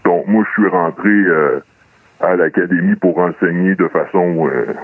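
A man with a disguised, pitched-down voice, telling his story as a radio guest in a halting way with many pauses. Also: dry recording. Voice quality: hesitant, many filler pauses. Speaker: radio guest, mechanics teacher. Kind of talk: casual radio call-in confession. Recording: thin phone-like line, dry.

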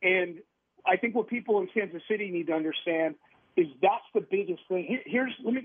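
A man's voice: high-pitched, dry recording. A man, a sports radio host calling in as a guest, heard over a phone line, making emphatic points and stacking up examples. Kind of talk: sports analysis chat. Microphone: telephone.

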